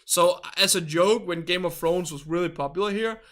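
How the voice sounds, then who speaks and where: A man's voice: high-pitched, moderate pace, fairly bright tone. A man from northern Denmark with a Danish accent, a native Danish speaker hosting a casual livestream in English, reading viewer chat and rambling chattily while searching for words and laughing often.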